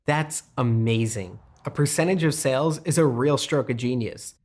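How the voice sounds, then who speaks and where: A man with a medium-pitched voice presents as an investment co-host. He delivers scripted promotional material emphatically, leaning on the numbers like a salesman. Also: brisk, a little mellow. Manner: emphatic, salesy, stressing figures.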